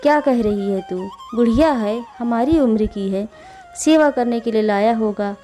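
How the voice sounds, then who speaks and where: A woman's voice: fairly high pitch, measured pace, dark tone, faint music behind, close to an everyday voice. A woman voicing a stern elderly mother-in-law who scolds firmly. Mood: scolding. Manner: scolding, commanding. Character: stern old mother-in-law, scolding but polite to guests.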